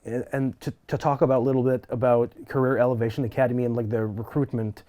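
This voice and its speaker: Halting male interviewer, mellow tone. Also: mid-range voice, level tone. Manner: halting, repeats words while framing questions. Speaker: podcast host. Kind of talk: interview questions.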